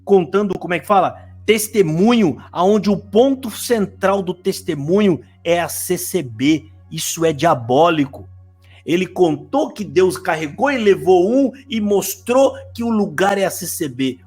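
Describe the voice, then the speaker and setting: Husky high-voiced Brazilian man arguing. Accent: Brazilian Portuguese. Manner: argumentative, rapid-fire, preachy. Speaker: live-stream host, evangelical critic. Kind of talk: heated live-stream rebuttal.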